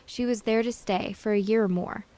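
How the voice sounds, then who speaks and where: A woman narrates a short student news feature in a clear, scripted read. She sets up the interview clips and links them together as the reporter. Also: medium pitch, fairly even intonation, normal speed, mellow.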